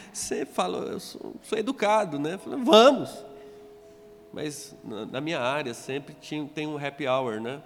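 A man's voice: a little high, lively intonation, moderate pace, vocal fry. A man, a pastor telling his conversion story in a sermon and acting out the dialogue. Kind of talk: testimony sermon. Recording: reverberant hall with soft music.

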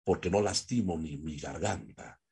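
A man teaching a lecture on voice technique, animated and demonstrative, drawing out vowels as examples. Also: sits low, moderate pace, creaky, husky. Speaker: voice coach.

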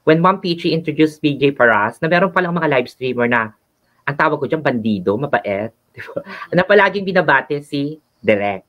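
A man's voice: fairly high pitch, lively intonation, normal speed. A man co-hosting a casual show, chatting in a flamboyant, giggly way. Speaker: co-host and nurse. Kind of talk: casual Taglish show chat. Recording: dull lo-fi sound.

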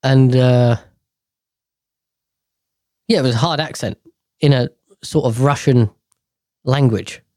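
A man casually reading news stories aloud, tripping over words and breaking off into irreverent, swearing tangents. His voice sits at a middling pitch. The recording is dry, with no room sound. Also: slow, long pauses, warm tone, dry recording. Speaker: podcast host.

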